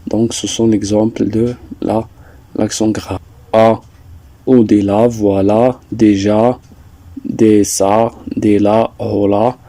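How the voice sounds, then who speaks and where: A man teaching a French lesson, explaining slowly and deliberately, repeating points with some hesitations. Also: lowish voice, little pitch movement, warm tone, no room sound. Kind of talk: slow classroom explanation.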